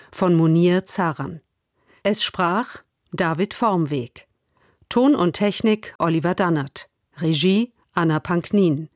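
A woman calmly reading the closing credits of a radio feature in a formal announcing manner, in a studio. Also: lowish voice, dry recording. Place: recording studio.

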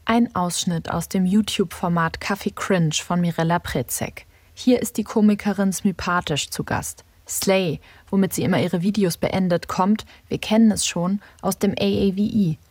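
A woman reporter reading a scripted radio feature in a measured, explanatory way. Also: fairly low pitch, darkish tone, no echo.

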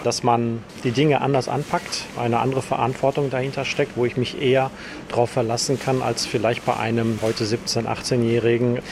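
A man's voice: medium pitch, little pitch movement, normal speed, gravelly, background noise. A man, a store owner, explaining his views in a conversational interview. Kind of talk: interview statement.

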